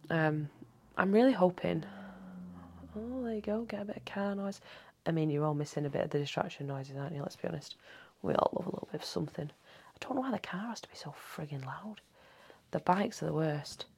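A low-voiced woman in her thirties rambles through a late-night solo podcast from home. Her voice is husky with a gravelly edge, and she swears freely and often slips into a hushed half-whisper. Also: brisk. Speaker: podcast host. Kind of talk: casual solo podcast chat.

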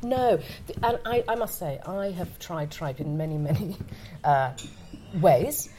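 A woman's voice: fairly low pitch, a little slow, dark tone, low-quality recording. A woman in her fifties, a food columnist chatting casually and opinionatedly. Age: 50s. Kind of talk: casual chat.

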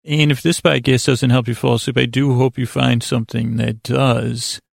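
The host of a bedtime sleep podcast, a man with a heavily creaky, gravelly voice of average pitch, meanders through an informal monologue, halting and doubling back self-deprecatingly. His tone stays level, and the recording is very dry, giving no sense of the room.

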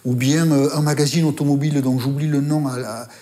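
An older man with a Basque accent, telling stories from his career as a journalist in a lively, casual way with the odd swear word. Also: on the high side, a little fast. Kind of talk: interview storytelling.

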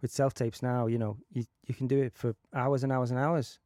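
A man's voice: medium pitch, level tone, fairly quick, dark tone, no room sound, clean studio sound. A man hosting a podcast in casual chat, easygoing, with many fillers and agreeing "yeah"s. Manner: easygoing, lots of "you know" and "yeah". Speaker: podcast host.

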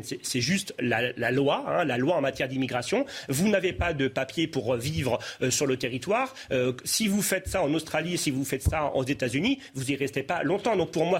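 A male guest on a TV debate, speaking with a somewhat high, husky voice. He sounds firm in his opinions, though he often stumbles and restarts his words.

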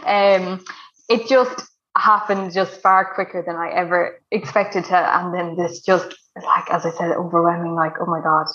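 A woman's voice: on the low side, fairly even intonation, measured pace, a bit bright, lo-fi sound. A woman with a west of Ireland accent telling her own story casually as an interview guest, chatty and emphatic, repeating words to stress them.

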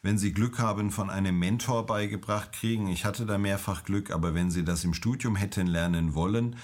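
A middle-aged man, an emergency doctor, answering interview questions in a calm, measured, explanatory way. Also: on the low side.

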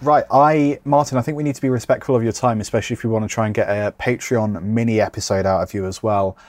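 A man's voice: lowish voice, steady tone, fast talker, darkish tone, no room sound. A man hosting a podcast in a casual, rambling way, with jokey, self-deprecating asides. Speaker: podcast host.

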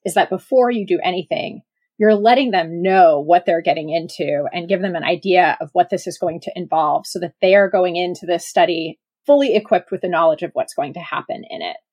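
Woman, husky, dry sound, earnest. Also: lowish voice, a little fast, darkish tone, no room sound. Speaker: researcher guest. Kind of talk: interview answer.

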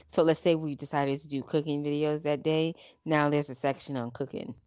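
A woman's voice: low voice, little pitch movement, brisk, a little mellow, dry recording, lo-fi sound. A woman co-hosting a casual chat podcast over a call, explaining things at length and thinking aloud. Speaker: podcast co-host.

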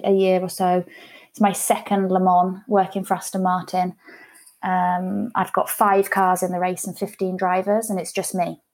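In a relaxed interview conversation, a guest in her thirties talks openly and chattily about owning a PR business. Her voice is mid-range with a darkish tone, and she often starts her sentences over.

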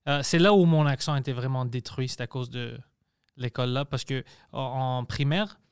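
Montreal guy chatting, mixes french and english, smooth clear voice, dry sound. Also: medium pitch, normal speed, dry recording. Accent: Montreal French mixed with English. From Montreal, Quebec. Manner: code-switches between French and English, storytelling. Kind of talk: casual chat.

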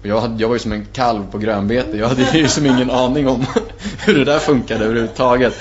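A man talking as a podcast guest in a casual storytelling style, animated and acting out his own past reactions. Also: mid-range voice, crowd noise. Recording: muffled lo-fi with faint hum.

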